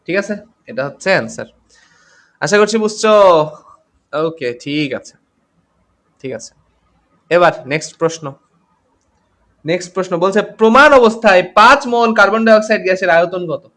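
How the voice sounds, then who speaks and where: Teaching chemistry live online, a weary man pauses often and keeps a moderate pace, his voice sitting high with a slightly bright edge. Along the way he reads comments aloud, welcomes students by name and slips in English terms.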